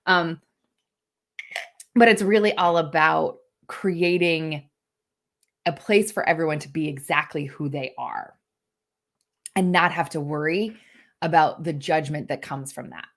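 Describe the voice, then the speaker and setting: A woman's voice: deep voice, normal speed, long pauses. A woman coaching teams in a live online workshop, talking casually and upbeat, often tagging her points with "right?". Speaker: team coach presenter.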